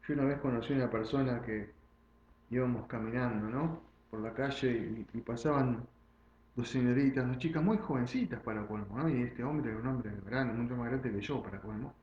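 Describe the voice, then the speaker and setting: A man's voice: medium pitch, a little fast, a little hiss or hum. Male pastor, emphatic sermon, repeats phrases, echoey church hall, dull lo-fi sound. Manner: emphatic preaching, repeats key phrases, asks "¿no?". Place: church sanctuary.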